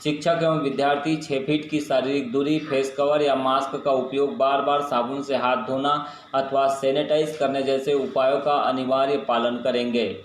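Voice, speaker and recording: A man reading a scripted local news bulletin in a flat, formal manner. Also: mid-range voice, moderate pace. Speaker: news reader. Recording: echoey room with faint noise.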